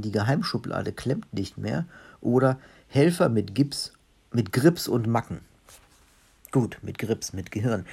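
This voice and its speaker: A man's voice: lowish voice, creaky, dark tone, husky. A man reading a children's story aloud and chatting with the young listeners afterwards. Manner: chatty, friendly toward children. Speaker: reader of daily children's stories.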